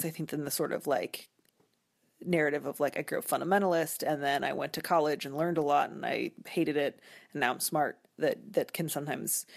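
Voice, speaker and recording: Speaking low with vocal fry, an American woman joins a casual conversational interview as a guest, captured in dry, studio-quality sound. Her speech is thoughtful and informal, filled with frequent "like" and "you know."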